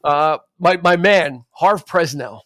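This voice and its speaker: A man co-hosting a podcast in casual chat, rambling and animated, often quoting lines. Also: fairly high pitch, takes it slowly, no room sound, clean studio sound. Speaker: podcast co-host.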